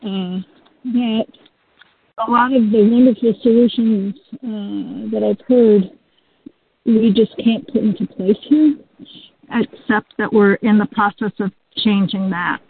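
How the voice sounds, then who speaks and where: A woman on a webinar, talking hesitantly with many pauses, heard through a muffled speakerphone. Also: medium pitch, creaky, husky. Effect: muffled speakerphone sound. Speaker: panelist on a webinar. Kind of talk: unprepared casual remarks. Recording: muffled phone line.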